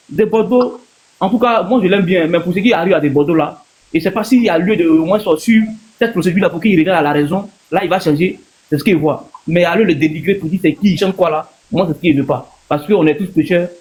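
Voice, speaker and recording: A man from Ivory Coast with an Ivorian accent gives his opinion casually as a panel guest on a live stream, repeating himself for emphasis. His voice sits high with a darkish tone, and the audio quality is poor.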